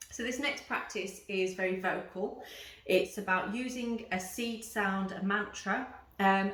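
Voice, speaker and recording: A yoga teacher leads a yoga and breathing lesson to the camera in a fairly bright, medium-pitched voice. She gives informal step-by-step instructions and explanations, and the roomy echo makes her sound somewhat distant.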